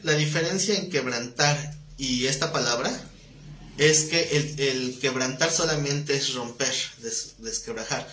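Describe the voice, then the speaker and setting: A man's voice: mid-range voice, unhurried, sharp tone. A man teaching a live Bible class, talking conversationally, quizzing his students and joking with them. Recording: echoey room, faint noise.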